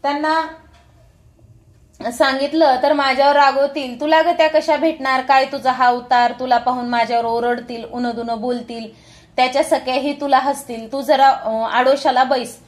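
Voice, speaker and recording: A young palace maid, nervous and eager to please, as a woman telling the story puts her on. She talks in a high, earnest voice from a devotional storybook. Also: level tone, normal speed, natural voice. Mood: anxious. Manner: anxious, pleading.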